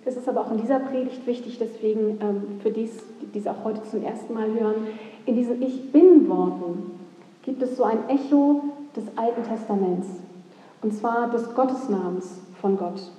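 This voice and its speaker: A woman's voice: fairly high pitch, normal speed, mellow. A woman pastor giving a sermon, reflective and thinking aloud with questions. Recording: long hall reverb, echoey church.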